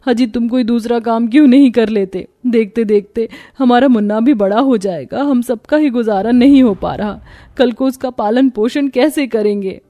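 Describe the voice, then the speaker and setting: A woman's voice: medium pitch, moderate pace, hardly any pauses, mellow, close to an everyday voice. A woman voicing a poor, tired young mother and wife with a sorrowful, complaining tone, in storybook acting. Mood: despairing.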